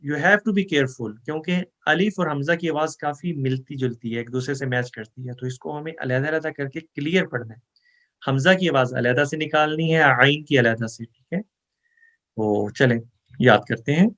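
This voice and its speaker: A man teaching Quran memorization, explaining pronunciation rules and reciting verses in a slow, drawn-out chant. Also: on the high side, fairly bright tone. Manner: explains Urdu rules mixed with English words. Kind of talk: online recitation lesson.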